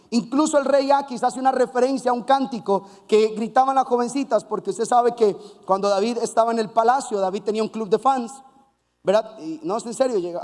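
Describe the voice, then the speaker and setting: A man preaching a sermon, telling a Bible story with lively asides and acted-out voices. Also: very high voice, big-room sound. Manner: animated storytelling with playful asides; acts out voices of biblical figures.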